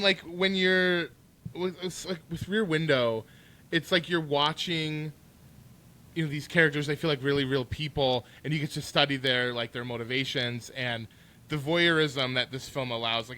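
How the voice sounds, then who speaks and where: Bright-voiced chatty man, rambling. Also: medium pitch. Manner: rambling, heavy use of "like" and "um", quick to laugh. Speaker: podcast co-host. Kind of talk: casual chat.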